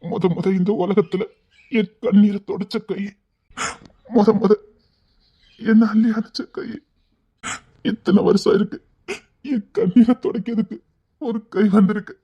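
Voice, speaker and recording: A woman acting as a lonely, tender-hearted man in a Tirunelveli Tamil drama, tearful and pleading, often hushed. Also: mid-range voice, fairly even intonation, a little slow, pauses often, breathy edge, highs cut off.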